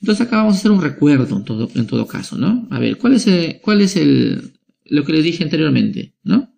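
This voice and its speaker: A man's voice: a little high, sing-song, fairly quick, creaky, a little mellow. A male schoolteacher giving a lesson to young children, spelling out words syllable by syllable and checking in with short tag questions.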